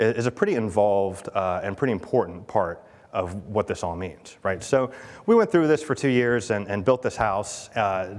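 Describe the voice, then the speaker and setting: A man speaking at a conference, chatty and full of fillers, often checking in with the audience. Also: lowish voice. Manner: chatty, asks the audience questions, many fillers. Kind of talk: conference keynote talk. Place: large conference hall. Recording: long hall reverb.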